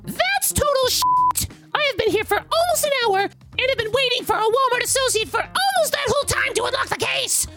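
A man voicing a shrill, indignant entitled mother who yells at a stranger. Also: very animated, fairly quick, faint music behind, exaggerated voice. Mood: outraged. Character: shrill entitled mother, middle-aged, screeching.

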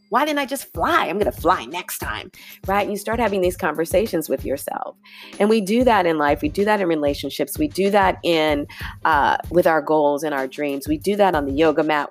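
A woman hosting a podcast, talking reflectively and conversationally to listeners, often checking in with "right?" and "y'all.". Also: lowish voice. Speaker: podcast host and yoga teacher. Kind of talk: reflective solo podcast talk.

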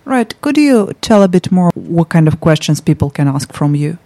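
A woman's voice: fairly low pitch, very animated, moderate pace, dark tone, dry recording. A woman hosting an interview podcast, introducing guests and putting questions in an orderly, polite way.

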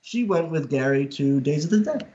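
A man's voice: fairly high pitch, lively intonation, normal speed, dull audio, heavy background noise. A man with a Boston accent, chatting casually and bluntly with plenty of swearing. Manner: foul-mouthed, blunt. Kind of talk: casual group chat.

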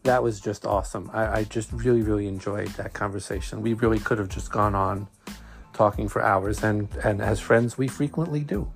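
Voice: mid-range voice, normal speed, gravelly, soft background music. A podcast host with a Brooklyn accent, talking conversationally and earnestly, repeating phrases for emphasis.

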